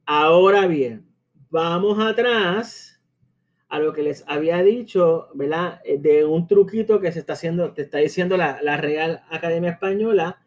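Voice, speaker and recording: A man with a Caribbean Spanish accent explains a language lesson in a conversational way, often checking in with tag questions and pausing to hesitate. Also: a little high. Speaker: language teacher.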